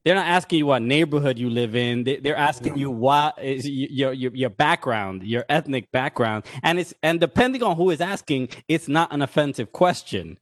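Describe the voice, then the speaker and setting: A man who co-hosts a casual chat and talks thoughtfully, with many halting restarts. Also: mid-range voice, expressive, dry recording, studio quality. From New York. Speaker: podcast co-host.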